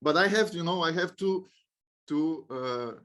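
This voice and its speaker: A podcast host with a fairly high, fairly bright voice speaks a little slowly in a casual interview chat. He's loose and chummy with his guest, calling him bro and saying like a lot.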